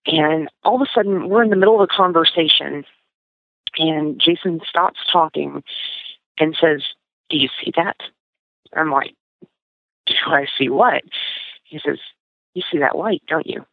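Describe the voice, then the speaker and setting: A woman's voice: deep voice, measured pace, long pauses, dry recording. A woman casually recounting a personal experience as a guest, talking with many fillers and restarts. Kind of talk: casual storytelling. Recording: tinny phone line, dry.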